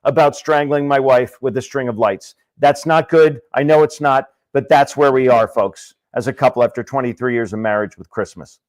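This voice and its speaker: A middle-aged man co-hosting a comedy podcast with his wife, teasing her in a deadpan, jokey way. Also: medium pitch, normal speed, hardly any pauses, rough recording. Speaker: podcast co-host. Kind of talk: comedic couple banter.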